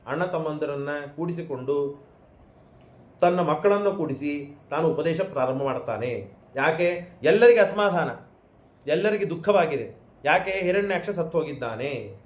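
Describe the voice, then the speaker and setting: A man giving a scriptural sermon, telling the story and chanting verses slowly, with rhetorical questions. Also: fairly high pitch, roomy sound. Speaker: pravachan speaker. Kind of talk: scriptural discourse with recited verses.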